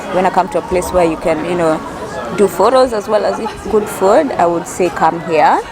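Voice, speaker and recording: A woman's voice: fairly low pitch, expressive, normal speed, poor audio. A woman chatting casually and ramblingly as a solo food review vlogger, telling things like stories to a friend. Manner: chatty, rambling storytelling with frequent 'like' and 'you know'. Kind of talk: casual vlog chat. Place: busy cafe in a shopping center. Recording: busy public crowd chatter behind voice.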